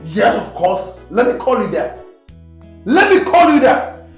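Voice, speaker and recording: A jealous, shouting fiancé. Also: male voice, extremely high pitch, very animated, measured pace, recorded from a distance, heavily acted. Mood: bitter. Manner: shouting accusations, then sinking into hurt mutters. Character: jealous, wounded young man confronting his fiancée. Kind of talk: Ghanaian film acting. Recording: echoey room with faint music score.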